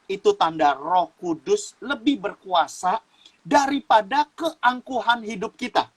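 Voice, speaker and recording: Husky man teaching with lively swings. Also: sits high, measured pace, poor audio. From Sumatra, Indonesia. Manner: lively preacher-style explaining with laughs and repeated phrases. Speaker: guest youth speaker.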